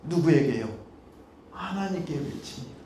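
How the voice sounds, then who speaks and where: A man preaching a sermon as pastor, moving from low, quiet talk to loud pleading cries. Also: animated, moderate pace, roomy sound, slight background noise. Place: church sanctuary.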